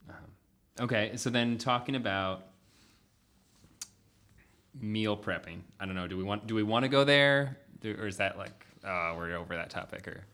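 A man's voice: on the low side, moderate pace, long pauses, pushed and bright. A man hosting a casual podcast chat, rambling and laughing often. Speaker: podcast host.

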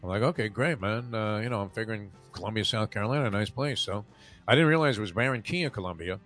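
A man's voice: fairly low pitch, quick pace, fairly bright tone, faint music behind. An older man hosting a radio show, chatting casually and telling long stories full of fillers and restarts. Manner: rambling storyteller, many fillers and restarts.

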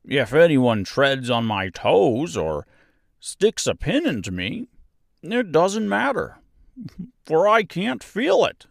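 The Scarecrow, high, slow and swooping. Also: male voice, huge pitch swings, no room sound, studio quality, exaggerated voice. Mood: confiding, earnest. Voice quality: rather husky. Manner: slow, drawn-out, swooping delivery. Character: friendly, naive living scarecrow, earnest and polite.

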